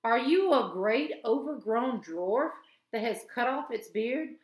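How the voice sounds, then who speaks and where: A woman's voice: a little high, expressive, slow pace, pitched above the performer's own voice. A woman voicing an imperious, stern queen who asks commanding questions, recorded with a roomy echo.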